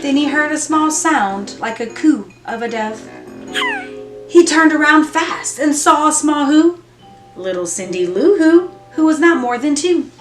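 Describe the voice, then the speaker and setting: A woman reads a rhyming children's story aloud with singsong rhythm and dramatic emphasis, her high-pitched voice lively in intonation and measured in pace. The recording has a roomy echo, with music behind her.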